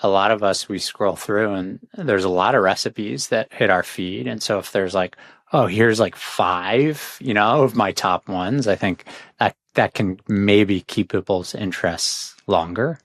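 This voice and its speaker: A man with a low voice hosting a casual interview, friendly and encouraging with loose, easygoing phrasing. The sound is dry and close, with no room echo. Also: unhurried. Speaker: podcast host.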